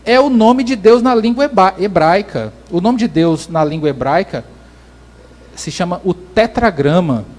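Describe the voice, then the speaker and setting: A man's voice: high voice, animated, measured pace, darkish tone. A man pastor, preaching a sermon in an explanatory way and often restarting his phrases.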